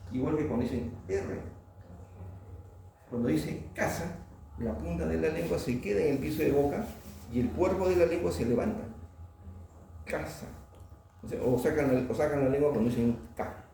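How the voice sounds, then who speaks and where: A man lectures a class from a distance, his dark, gravelly voice bouncing around a very echoey room. Faint noise sits under the recording. He keeps throwing questions at the students and tags his points with "¿no?". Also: a little high, brisk. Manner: asks the class questions, tag "¿no?". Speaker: oral surgery lecturer.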